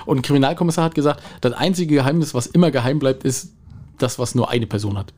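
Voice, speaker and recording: A man's voice: mid-range voice, fast talker, a little mellow. A man co-hosting a podcast in casual chat, telling stories with frequent chuckles. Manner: chuckling, storytelling. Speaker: podcast co-host.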